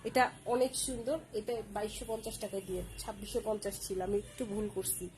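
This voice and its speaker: A woman's voice: mid-range voice, fast, a little mellow, a little hiss or hum, rough recording. A woman hosting a live clothing sale stream, using repetitive, persuasive sales patter.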